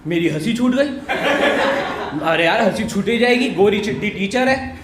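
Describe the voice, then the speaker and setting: A man's voice: high-pitched, expressive, normal speed, echoey room, very noisy. A young man doing stand-up, telling a school story in a casual way and acting out the other people in it. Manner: acts out quoted voices of teacher and classmates. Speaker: stand-up comedian. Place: comedy stage with live audience.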